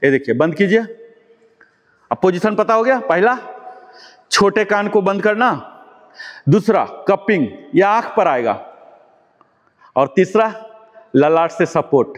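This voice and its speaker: A man's voice: high-pitched, expressive, slow pace, pauses often, muffled recording. A man leading a live yoga class, explaining each step patiently and repeating key words. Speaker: yoga instructor. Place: yoga class with students present. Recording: long echoing room reverb.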